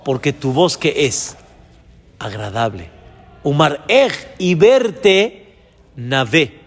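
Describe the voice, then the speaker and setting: A man, a rabbi giving an animated sermon who acts out little dialogues. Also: on the high side, very slow. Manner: animated, acts out dialogues between father and son. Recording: long hall reverb.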